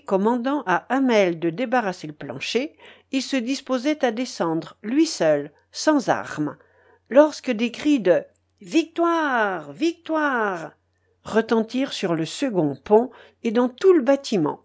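A woman reading a story aloud as an audiobook narrator, in a measured, dramatic way. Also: on the high side, a little mellow.

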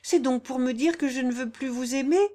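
A tender young peasant girl, earnest and pleading, her phrasing plain and rustic, as a woman reader puts her on. The voice sits high and carries with a lifted, heightened urgency. This is storybook acting in an audiobook. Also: brisk, mellow, natural voice. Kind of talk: audiobook character reading.

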